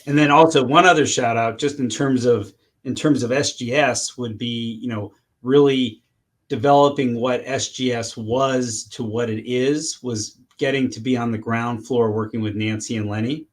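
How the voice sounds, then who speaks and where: A middle-aged man speaks in an interview, answering questions as a surgeon. His speech is halting, full of restarts and fillers, and broken up by frequent laughs. His voice sits at a middle pitch. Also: fairly even intonation.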